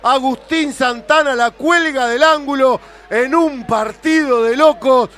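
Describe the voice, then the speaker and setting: Uruguayan guy doing colour commentary on soccer radio, super high voice, emphatic. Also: a little slow, fairly bright tone. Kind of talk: live radio football analysis.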